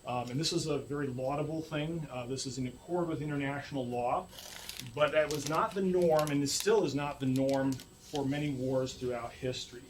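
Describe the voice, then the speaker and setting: A man's voice: mid-range voice, fairly even intonation. Man lecturing in a room, hesitant with fillers, distant mic, faint background noise. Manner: halting, many fillers and restarts. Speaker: university lecturer. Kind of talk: public lecture. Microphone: room mic far from speaker.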